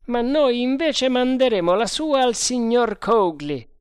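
A man voicing an excitable, loyal sergeant who speaks in loud, eager exclamations. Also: very high voice, measured pace, clear, resonant tone, no echo, clean studio sound, pitched above the performer's own voice. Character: excitable loyal male sergeant, keen and blunt.

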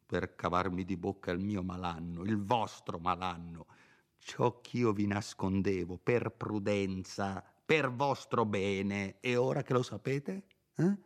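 A man's voice: fairly low pitch, slow pace. A man voicing a timid, frightened older village priest in an audiobook reading, whining and sometimes whispering. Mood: bitter scolding. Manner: whining, fearful, at times whispering.

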